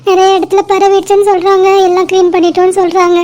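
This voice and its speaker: Woman voicing tearful cartoon aunt, pleading, sobbing, very high thin voice, flat melody. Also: fast. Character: distraught aunt pleading over the phone, tearful. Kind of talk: cartoon voice acting.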